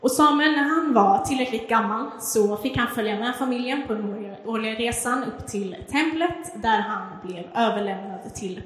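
Woman preacher telling a bible story, chatty with lots of ums, fairly high voice, long hall echo. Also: slight background noise. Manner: conversational, with fillers and restarts. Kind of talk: devotional talk retelling a Bible story. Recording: echoey hall with long reverb.

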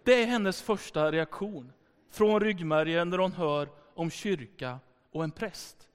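A middle-aged Swedish pastor telling a story in a sermon, unhurried, with dramatic pauses and quiet drops. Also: male voice, sits high, clear, resonant tone, big-room sound.

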